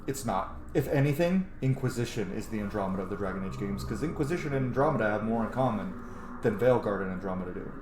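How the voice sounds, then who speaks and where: A man in his thirties hosts a let's play, delivering casual, rambling, opinionated gaming commentary and swearing freely. His voice sits on the low side and he talks fast and expressively. The room is echoey, with noisy video game ambience in the background.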